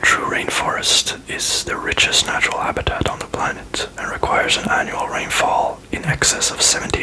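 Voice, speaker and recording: A man reading aloud in a breathy ASMR whisper, with casual asides. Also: rough recording.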